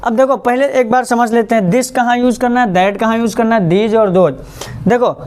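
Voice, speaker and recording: A male teacher giving a grammar lesson, asking quick questions and repeating the answers, slowing words down to show how they are said. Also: extremely high pitch, fairly even intonation, a little mellow. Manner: stretches out words slowly to model pronunciation.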